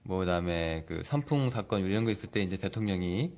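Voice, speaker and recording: Low-voiced polite radio host, man. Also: a little fast. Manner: polite, steady interviewer who prompts and agrees. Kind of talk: casual radio talk.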